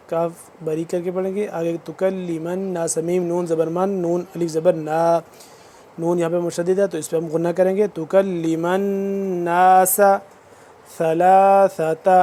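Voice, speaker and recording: Quran teacher man with a mellow voice. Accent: Pakistani Urdu. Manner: recites slowly and drawn out, then explains rules quickly in a low voice. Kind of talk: tajweed lesson, slow recitation with fast spoken explanations.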